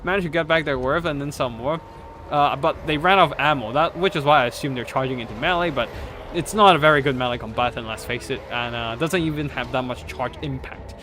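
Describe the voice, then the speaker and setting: A man's voice: medium pitch, fairly quick, bright, forceful tone, a little hiss or hum. A man casually commentating strategy game tournament replays, rambling with many fillers and restarts and swearing now and then. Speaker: game caster.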